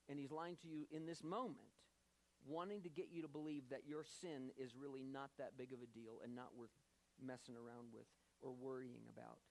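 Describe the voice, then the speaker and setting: A man preaching a sermon as pastor, earnest and emphatic, slowing down to stress key phrases. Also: on the high side, creaky, rough recording.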